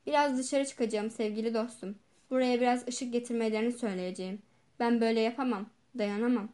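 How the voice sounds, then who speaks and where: A woman's voice: fairly high pitch, steady tone, fast, mellow, close to an everyday voice. A woman reading the part of a trembling middle-aged male doctor who pleads in agitation in an audiobook. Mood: agitated.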